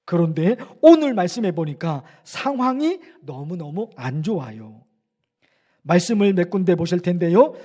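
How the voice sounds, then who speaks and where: A middle-aged male pastor preaching to his congregation, swinging between emphatic lines and hushed ones and repeating phrases for emphasis. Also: sits high, sing-song, normal speed. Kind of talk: sermon. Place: church sanctuary.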